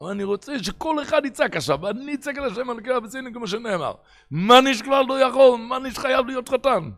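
A man's voice: high voice, pitched above the performer's own voice. A man putting on a wailing, desperate young bachelor. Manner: wailing, shouting, insistent. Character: desperate unmarried young man pleading to be betrothed.

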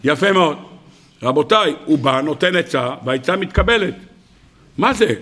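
Man, rabbi preaching, high ringing voice, animated storyteller, acts out characters in the tale. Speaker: rabbi giving a Torah lesson. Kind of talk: lively Torah sermon with acted-out dialogue.

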